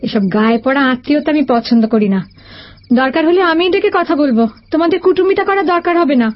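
A man's voice: very high-pitched, lively intonation, fairly quick, pitched above the performer's own voice. A man voicing a cold, humorless woman in her sixties who speaks curtly. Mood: stern. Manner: curt, stony, humorless. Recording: dull lo-fi audio with music.

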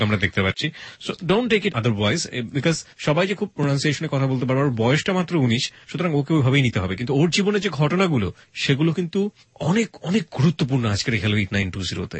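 A husky-voiced man hosts an interview. He talks quickly, prompts his guest often, and murmurs his agreement, and the sound is dry and close. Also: mid-range voice, no room sound. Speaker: host.

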